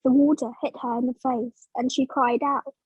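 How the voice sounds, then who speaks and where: A woman from Vietnam narrating a children's storybook in English for learners, slow and clear. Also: high-pitched, flat delivery, darkish tone, dry recording, dull audio.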